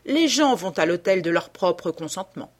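A woman's voice: fairly low pitch, expressive, moderate pace. A woman reading a cynical witty lord. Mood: ironic. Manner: languid, ironic epigrams.

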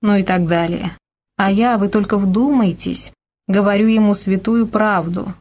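A woman's voice: mid-range voice, fairly even intonation, unhurried, a little mellow. A woman reading a novel aloud in the first person, in an ironic, musing manner. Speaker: audiobook narrator.

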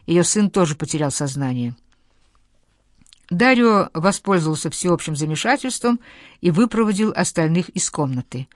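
A woman reading an audiobook narration in an even, measured way. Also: lowish voice, no echo, studio quality. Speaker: audiobook reader.

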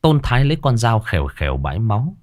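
A man narrating a horror story in a dramatic, expressive audiobook style. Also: fairly low pitch, fast talker.

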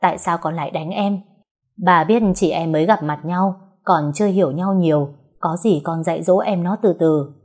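Woman doing a stern old dad, firm questions, breathy low. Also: normal speed, a little mellow. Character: stern older father, head of house.

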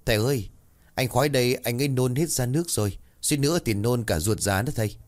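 A man's voice: medium pitch, quick pace, pitched above the performer's own voice, lightly acted. A man voicing a simple, earnest young village servant who pleads and grieves. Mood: eager. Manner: pleading, eager.

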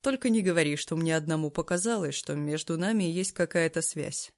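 A man's voice: fairly high pitch, brisk, no echo, clean studio sound, lightly acted. A woman reading a storybook voices a laid-back, teasing retired emperor who talks in an easygoing, offhand way.

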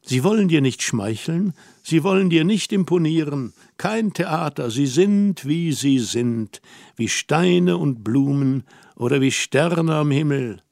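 A lively, dreamy young woman from an audiobook, musing and coaxing in a soft, gentle way, read by a man who keeps close to his own voice. the voice sits fairly high and sounds dry and close, with no room around it. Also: a little slow, gravelly, dry recording. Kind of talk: audiobook reading.

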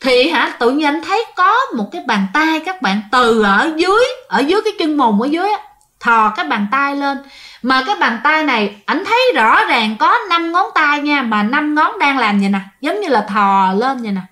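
A woman with a Southern Vietnamese accent telling a ghost story to her listeners, animated and full of quoted dialogue. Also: high-pitched, normal speed.

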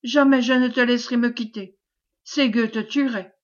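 A woman's voice: on the high side, normal speed, natural voice. A woman reading the part of a scheming old woman who pleads theatrically, on a dull lo-fi recording. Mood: pleading.

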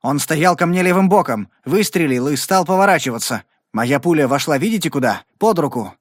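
An earnest, stubborn young cowboy, as a male audiobook reader voices him, emphatic and pleading in a fairly high male voice. The recording is dry and close, with no room sound. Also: animated, fairly quick, no room sound. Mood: protesting. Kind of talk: audiobook reading.

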